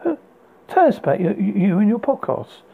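Halting amateur book reader, husky voice, tinny phone-like recording. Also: mid-range voice, sing-song. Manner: halting, with frequent slips and restarts. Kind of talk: amateur reading of book extracts.

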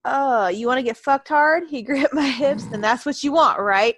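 Woman, fairly high voice, dry close sound, reads fan fiction aloud, giggly. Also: normal speed, fairly bright tone, no room sound. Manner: giggles through reading, trails off embarrassed. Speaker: podcast co-host. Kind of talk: reading fan fiction aloud, casual chat.

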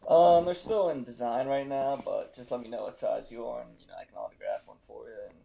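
A man's voice: medium pitch, sing-song, brisk, gravelly, a crowd in the background. A man chatting casually as an interview guest, cocky and tongue-in-cheek. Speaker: guest league member being interviewed. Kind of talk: casual chat.

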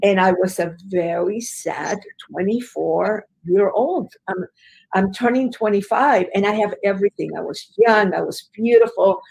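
A woman guest from Chile recounts her life in an interview, with earnest emphasis and casual fillers. Her voice has a gravelly, creaky edge at a middle pitch. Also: measured pace, darkish tone, poor audio. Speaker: guest, business educator. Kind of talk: conversational storytelling interview.

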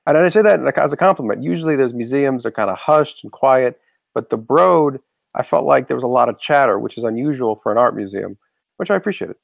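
Gravelly-voiced man hosting a casual chat. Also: medium pitch, animated, a little fast, no room sound, clean studio sound. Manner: rambling, self-correcting, many fillers. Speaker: podcast host.

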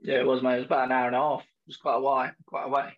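A man's voice: mid-range voice, little pitch movement, racing, lo-fi sound. A man with an Essex accent chatting casually as an interview guest, in a matey, colloquial way. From Essex, England. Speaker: podcast guest, former academy footballer.

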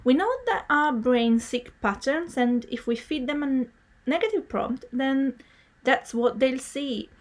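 High, girlish anime-style woman podcaster. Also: a little slow. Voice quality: bright, girlish anime-girl voice. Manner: perky, excitable. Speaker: podcast host. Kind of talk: scripted podcast narration.

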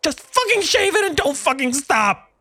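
A man's voice: mid-range voice, sing-song, unhurried, slight background noise. A man playing a weary, desperate man in his thirties, pleading urgently in a script reading. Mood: frantic pleading. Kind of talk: comedy script table read.

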